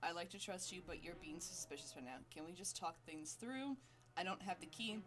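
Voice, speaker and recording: A woman's voice: lowish voice, expressive, fairly quick, fairly bright tone. A woman streaming a video game with casual, sweary, playfully sarcastic commentary.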